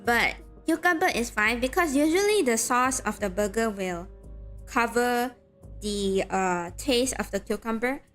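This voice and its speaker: A woman's voice: a little high, animated, measured pace, fairly bright tone. A woman streaming a game, moving between reading narration aloud and casual chat with her viewers. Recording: background music behind voice. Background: game music.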